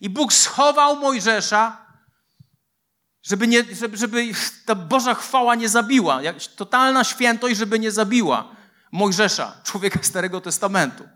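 A man's voice: sits high, bright, forceful tone. A man preaching a sermon as a pastor, emphatic and mixing in personal stories.

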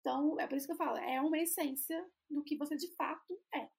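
High, gravelly Brazilian woman. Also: fast. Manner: thoughtful, restarts phrases while searching for words. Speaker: podcast co-host, brand designer. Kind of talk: casual podcast chat.

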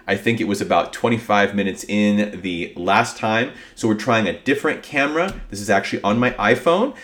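A man's voice: fairly low pitch, brisk, fairly bright tone. A man hosting a podcast solo in a casual, upbeat, conversational way, his voice affected by a cold. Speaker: podcast host.

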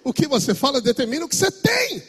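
A man preaching a sermon as pastor with a Brazilian Portuguese accent, swinging between shouts and a sing-song preaching cadence. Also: very high voice, very animated, quick pace. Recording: long hall reverb.

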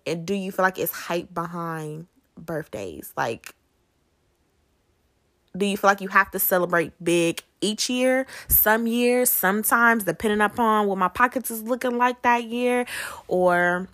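This woman hosts her own podcast, chatting in an easygoing way and putting questions to the audience. Her mid-range voice is a bit bright and keeps a measured pace.

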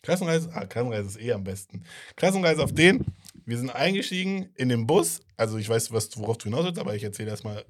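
A young man co-hosting a casual podcast, talking in a blunt, teasing way full of slang. His voice is husky, and his pitch sits in the middle. He tells stories loosely, with plenty of restarts. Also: sing-song, fast talker. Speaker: podcast co-host. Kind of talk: casual chat.

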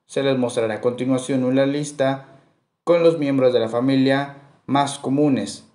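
A man teaching a beginner language lesson, reading out vocabulary slowly and repeating each word twice. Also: medium pitch, a little mellow, reverberant. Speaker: English teacher. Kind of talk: slow instructional vocabulary drill.

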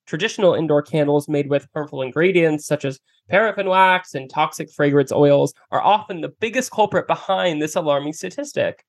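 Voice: mid-range voice, fairly quick, few pauses. Co-host cracking dry jokes. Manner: dry wisecracks. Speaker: podcast co-host. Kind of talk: casual chat and read ad.

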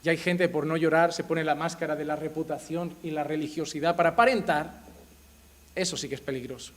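Impassioned high-voiced pastor preaching. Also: male voice, steady tone, fairly quick. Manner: impassioned preaching with sharp swings between loud and hushed. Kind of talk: sermon.

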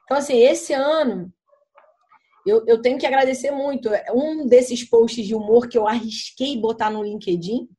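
Woman, high voice, podcast guest, casual chat, animated storytelling. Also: normal speed. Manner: animated, chatty storytelling with swearing. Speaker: podcast guest, content creator.

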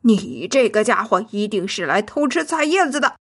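A woman voicing a rude, hot-tempered young male puppy in a children's audio story, with gruff, barking shouts. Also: medium pitch, very animated, normal speed, full character voice. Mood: rude, angry.

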